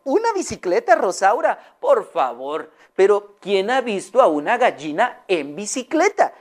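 A woman voicing a doting lady who adores her pet hen, in a high, sweet, cooing voice. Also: sing-song, measured pace. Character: doting older woman, hen owner, loving.

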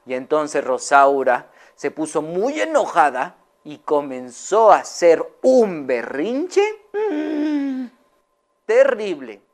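A woman storyteller telling a children's story, asking her young listeners questions and pausing for effect. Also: low-pitched, very animated, a little mellow. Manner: asks listeners questions, slow dramatic pauses. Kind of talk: children's story reading to an audience.

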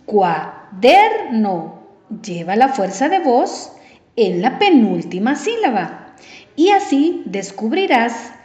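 A woman teacher giving a recorded lesson, speaking slowly and deliberately and stretching out her example words. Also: a little high, darkish tone. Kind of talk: recorded distance-learning lesson. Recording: roomy, slightly dull sound.

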